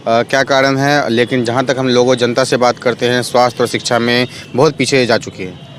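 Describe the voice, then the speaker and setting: A male reporter asking an interviewee formal questions in a steady way. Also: mid-range voice, brisk, a little hiss or hum.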